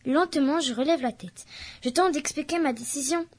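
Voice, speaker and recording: A woman's voice: sits high, normal speed, a little mellow. A woman reading a novel excerpt aloud in French, carefully and unhurriedly, lifting her voice for the quoted lines. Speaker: reader.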